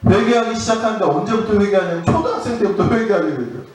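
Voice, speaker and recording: A middle-aged man, a pastor, preaching an earnest sermon with drawn-out stresses. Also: sits high, faint music behind. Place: church sanctuary. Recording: echoey church hall, mic at a distance.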